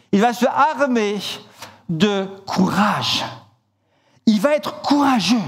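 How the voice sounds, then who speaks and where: A man preaching a sermon in church, telling a story vividly and acting out the shouted lines, often repeating words and restarting. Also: extremely high pitch.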